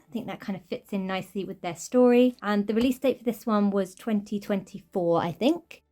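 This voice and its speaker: A toy collector channel host gives a casual show-and-tell collection update, chatty and enthusiastic as she gushes over tiny details. Her mid-range voice is mellow but slightly off, worn from a cold she's recovering from.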